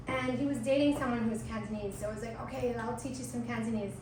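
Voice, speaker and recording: Echoey distant woman teaching a workshop. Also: on the high side. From Hong Kong. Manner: chatty, many "um" and "like" fillers. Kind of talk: casual workshop talk. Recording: echoey room, far mic, audible noise.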